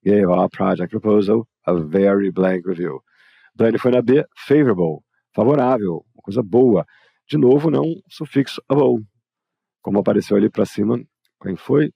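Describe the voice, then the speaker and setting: A man's voice: lowish voice, normal speed, creaky, husky, dry recording, highs cut off. A man with a Brazilian Portuguese accent teaching English grammar in a live online lesson, explaining informally and talking straight to his students.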